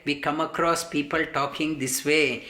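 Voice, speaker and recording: Man, high voice, bright tone, recites verses and explains them haltingly. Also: steady tone, echoey room. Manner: leads Sanskrit verses line by line, then explains with many fillers and restarts. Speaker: yoga teacher. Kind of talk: verse-by-verse scripture lesson.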